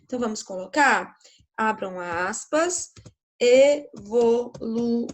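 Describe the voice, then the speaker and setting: A woman teacher with a Brazilian Portuguese accent gives schoolchildren a grammar lesson, explaining patiently and checking in with the class often. Her fairly high voice is animated but slow.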